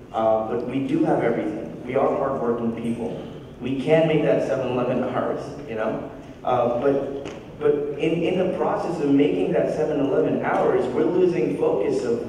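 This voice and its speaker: A man speaking as a panelist, thoughtful and halting, with frequent restarts. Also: mid-range voice, mellow, slight background noise. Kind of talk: panel discussion remarks. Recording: echoey hall, mic far off.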